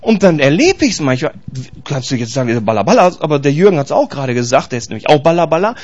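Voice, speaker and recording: A man's voice: a little high, quick pace, lo-fi sound. A man preaching a casual, slangy sermon, acting out little scenes as he talks. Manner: animated, acts out little scenes and voices.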